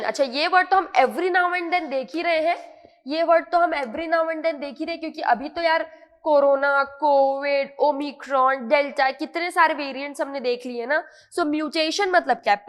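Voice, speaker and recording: An Indian woman with a high, slightly bright voice teaches English words online, explaining patiently, repeating each word and repeatedly checking that it's clear. A long reverb trails after her voice.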